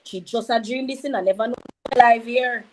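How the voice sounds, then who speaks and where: A woman's voice: a little high, moderate pace, a little hiss or hum, poor audio. Jamaican woman reading out chat. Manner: reads out viewer comments, shouts out names. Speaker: livestream host reading chat. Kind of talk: casual livestream chat.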